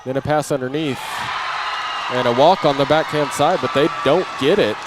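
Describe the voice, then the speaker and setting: Here a man with a rather high voice at ordinary speed calls a basketball game live, radio style. Clipped, running phrases lift on the big plays, and the indoor gym recording is clearly noisy, carrying ambience and the bounce of a basketball.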